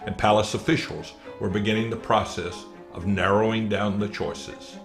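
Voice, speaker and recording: A man giving formal, measured narration for a mock documentary. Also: fairly low pitch.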